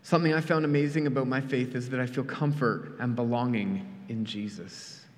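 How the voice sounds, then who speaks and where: A man preaching a sermon in an earnest, storytelling way, often dropping quiet for emphasis. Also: medium pitch, steady tone, a little fast, big-room sound, slight background noise. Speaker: pastor. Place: church.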